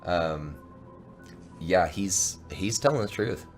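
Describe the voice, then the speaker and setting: Low-voiced, animated male game master. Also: slow pace. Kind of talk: improvised tabletop game narration. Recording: music behind the voice.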